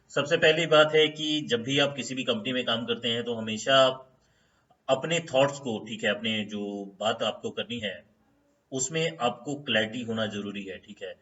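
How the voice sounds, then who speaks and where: A man giving an informal lesson as an HR consultant to his channel's viewers, speaking conversationally with frequent "theek hai" and "uh" fillers and slowly stressing each step's English heading. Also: medium pitch, fairly bright tone, lo-fi sound. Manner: stresses English terms slowly when starting each step.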